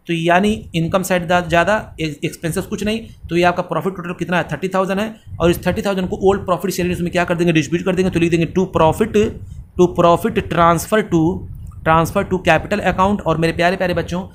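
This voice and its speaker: A male accounts teacher giving a fast lecture, asking the students questions and answering them himself. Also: sits high, a little hiss or hum.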